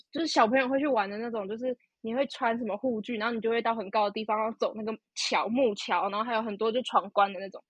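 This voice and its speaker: Fast-talking husky woman. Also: a little high, no echo. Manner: animated storytelling with many fillers. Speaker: podcast co-host. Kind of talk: casual chat. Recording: dull lo-fi podcast audio.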